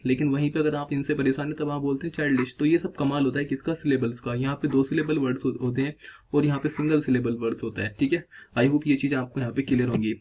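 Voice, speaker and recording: A man's voice: fairly high pitch, phone-quality sound. A man teaching a vocabulary lesson, explaining word by word and asking himself questions as he goes. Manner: repeats "theek hai" and asks himself questions as he explains. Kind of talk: explanatory lesson in Hindi mixed with English terms.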